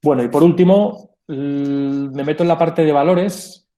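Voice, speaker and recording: A man's voice: a little high, steady tone, unhurried, mellow. A man giving a reflective pastoral conference talk, explaining ideas with asides and small self-corrections. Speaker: conference speaker.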